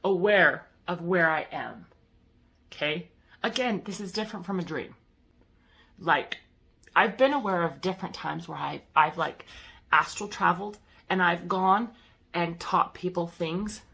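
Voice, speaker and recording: Casual female vlogger, slightly low voice, halting and rambling storytelling. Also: vocal fry, fairly bright tone. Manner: rambling, halting, with many fillers and restarts. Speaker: vlogger recounting a spiritual experience. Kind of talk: casual first-person storytelling.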